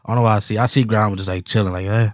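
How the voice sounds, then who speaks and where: A man's voice: lowish voice, fairly even intonation, racing, dry recording, studio quality. A man co-hosting a podcast in casual chat, laid-back and joking, with slangy asides. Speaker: podcast co-host.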